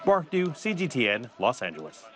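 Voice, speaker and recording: A man reporting a news story in a steady, scripted voice-over. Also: mid-range voice, a little fast.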